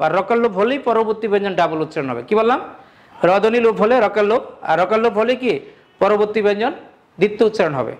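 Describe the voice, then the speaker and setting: A middle-aged man teaching a grammar lesson, repeating words and asking and answering his own questions. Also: high-pitched. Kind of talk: classroom-style video lesson.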